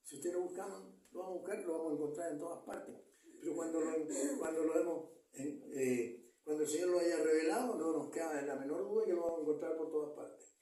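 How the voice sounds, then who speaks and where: A pastor with a fairly high, mellow male voice preaches an earnest sermon at a fairly quick pace, repeating words and asking the congregation "¿ya?" to check in. The mic sits far away in an echoey church hall.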